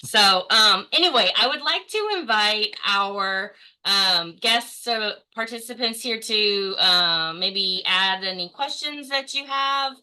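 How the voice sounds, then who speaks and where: A woman's voice: medium pitch, animated, takes it slowly, hardly any pauses, pushed and bright, smooth, poor audio. A woman from Texas hosting a webinar, chatty and full of fillers, with facetious asides. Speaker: webinar host. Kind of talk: casual webinar moderation.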